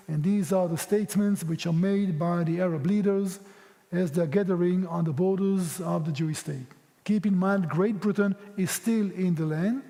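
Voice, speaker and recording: A man's voice: sits high, dark tone. A man lecturing at a church history session, driving his points home with rhetorical questions. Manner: emphatic, uses rhetorical questions. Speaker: guest speaker teaching a history session. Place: church hall. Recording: long hall reverb.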